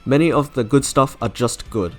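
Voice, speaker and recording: A man with a medium-pitched voice speaks at a moderate pace, hosting a video that reviews game character trailers. His commentary is scripted, and background music plays beneath his voice.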